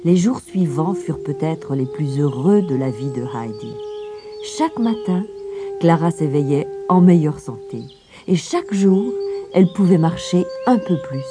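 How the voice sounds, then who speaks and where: A woman narrating a children's storybook in an expressive way, with music playing behind. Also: low voice, unhurried. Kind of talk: storybook reading.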